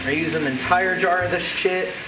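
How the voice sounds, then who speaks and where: This is a drunk home cook with a medium-pitched voice at normal speed, rambling and cursing crudely through a casual cooking lesson. The mic is distant in a roomy kitchen, and loud music plays behind along with a sizzling pan.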